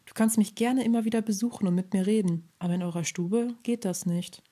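A woman voicing a gentle young talking fir tree in a storybook, soft and rustling, polite and pleading. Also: mid-range voice, fairly even intonation, fairly quick, slightly rough, lightly acted.

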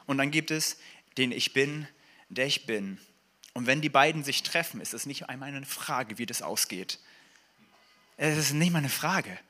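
Bright-voiced casual male preacher. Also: mid-range voice, normal speed. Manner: casual, animated preaching with fillers and humor. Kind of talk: sermon. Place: church service hall.

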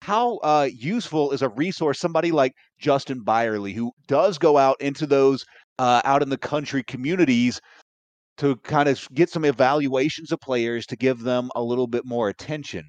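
A man's voice: medium pitch, normal speed, dry recording. Southern man in his fifties, storytelling. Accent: Southern American. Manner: self-deprecating, storytelling. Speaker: podcast co-host and broadcaster. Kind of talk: casual sports chat.

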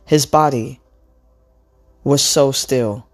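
Low-voiced woman reading a novel aloud. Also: very slow. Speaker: book reader.

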